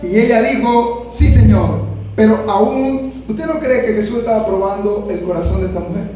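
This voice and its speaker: A male pastor preaching a sermon, acting out quoted voices with sudden shouts. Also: high-pitched, normal speed, soft background music. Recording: echoey room, distant mic, faint noise.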